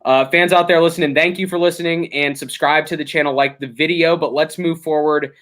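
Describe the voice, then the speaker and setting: A man's voice: a little high, steady tone, brisk, a bit bright. A young man hosting a casual sports podcast, talking through games analytically with frequent ums and restarts. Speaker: podcast host.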